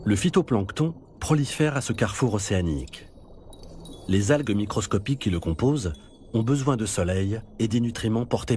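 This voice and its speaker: A man's voice: fairly low pitch, darkish tone, a little hiss or hum. A man reading scripted narration for a nature documentary.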